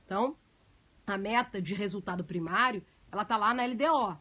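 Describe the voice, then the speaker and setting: A woman's voice: medium pitch, fairly quick, pushed and bright, breathy edge, highs cut off. A woman teaching a class on a live stream, explaining at length and chatting with viewers between points, with many fillers. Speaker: teacher of budget law. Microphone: phone.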